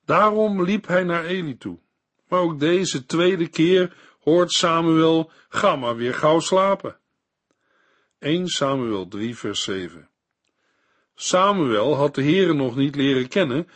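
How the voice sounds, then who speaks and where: A man reading a scripted Bible commentary in a measured, didactic way. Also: a little high, animated. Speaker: Bible teacher.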